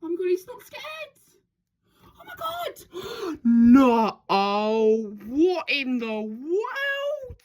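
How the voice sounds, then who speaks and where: A woman filming birds through a window at home, giving casual, excitable commentary full of gasps and exclamations. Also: high-pitched, drawn-out words. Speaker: birdwatcher filming her garden.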